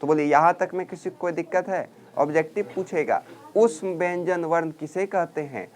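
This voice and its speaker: A man teaching a grammar class, drilling students loudly and scolding them. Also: fairly high pitch, moderate pace. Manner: loud scolding drill teacher, calls and answers.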